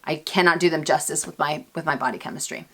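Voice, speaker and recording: Chatty, self-mocking woman vlogger, low-ish voice. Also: fast, pushed and bright. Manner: chatty, self-deprecating, restarts and fillers, laughs often; playful asides to viewers. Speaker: YouTube host answering viewer questions. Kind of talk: casual Q&A vlog.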